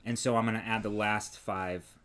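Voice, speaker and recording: A man's voice: fairly low pitch, normal speed, clear, resonant tone. A man co-hosting a casual crafting podcast, talking loosely and restarting often as he shows his blanket. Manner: relaxed, trails off and restarts while showing work. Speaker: podcast co-host. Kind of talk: casual chat about crochet.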